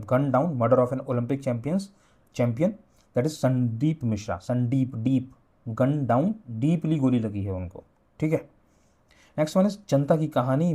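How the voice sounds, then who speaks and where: A young man teaching an exam revision lesson, explaining slowly and repeating key words as he spells out book titles and memory tricks. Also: mid-range voice, warm tone.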